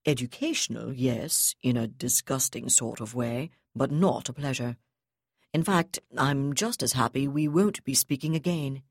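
A ruthless male military commander speaks with calm, measured contempt, voiced by a woman reading aloud. The voice is low and close, with a dry sound and no echo. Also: breathy edge, exaggerated voice. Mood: contemptuous.

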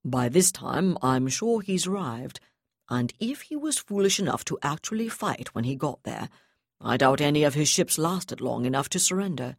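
A ruthless male military commander speaks with calm, measured contempt, voiced by a woman reading aloud. The voice is low and close, with a dry sound and no echo. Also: vocal fry, heavily acted. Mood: calm, confident.

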